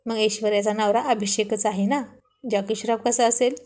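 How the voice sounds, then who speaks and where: A woman's voice: mid-range voice, steady tone, normal speed, a little mellow, lightly acted. A woman voicing a sulky, loving young wife pleading with her husband in a Marathi storybook reading. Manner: pleading and coaxing.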